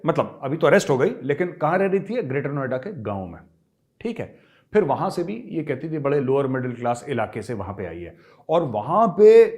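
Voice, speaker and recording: A middle-aged man giving emphatic political commentary, talking straight to his viewers and repeating his points for emphasis. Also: mid-range voice. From India.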